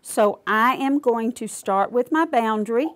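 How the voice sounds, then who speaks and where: A woman's voice: on the high side, measured pace. An older woman demonstrating quilting step by step, patiently explaining each click aloud in a studio. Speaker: quilting instructor.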